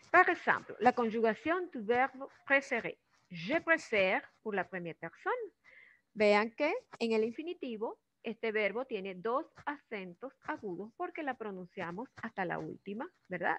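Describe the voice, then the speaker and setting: Slow, deliberate Venezuelan woman teaching. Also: medium pitch, a bit bright. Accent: Venezuelan Spanish. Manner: switches between French and Spanish, drawing out French words slowly; often checks in with "¿ok?" and "¿verdad?". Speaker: French teacher. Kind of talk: classroom lesson explaining grammar. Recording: dull, dry lo-fi recording.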